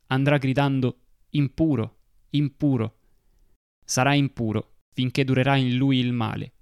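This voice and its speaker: Gravelly man reading a solemn meditation. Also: mid-range voice, no echo, clean studio sound. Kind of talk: devotional reading.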